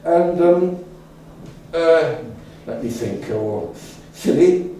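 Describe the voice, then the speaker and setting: Speaking to a local society's audience in a meeting room, an older man with a fairly high, mellow voice uses lively intonation and draws out his words. The informal lecture wanders chattily, thick with fillers and restarts, and the far-off mic records an echoey room with faint background noise.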